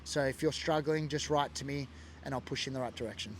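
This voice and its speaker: In a personal testimony monologue, a Sydney man who used to be a biker shares his story with earnest emotion and frequent fillers. He speaks fast in a mid-range voice, with slight background noise.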